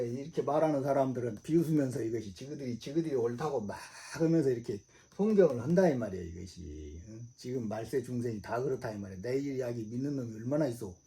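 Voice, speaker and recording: A man's voice: medium pitch, dark tone. A middle-aged man, preaching a religious sermon in a repetitive, emphatic way, often asking his listeners if they understand. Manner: repetitive, emphatic, with frequent rhetorical questions.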